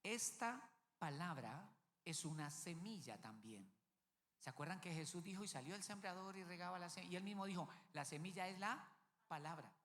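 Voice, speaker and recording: A man's voice: high-pitched, expressive, moderate pace, a bit bright. A man preaching a sermon as pastor, emphatic, repeating key words and checking in with the congregation. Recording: long reverb of a large hall.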